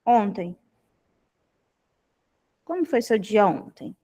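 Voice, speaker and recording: A woman's voice: mid-range voice, expressive, dark tone. A young adult woman from Brazil teaching an online English class over a video call, explaining patiently and checking in often with the students. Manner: explanatory, frequent "tá?" checks, repeats phrases slowly.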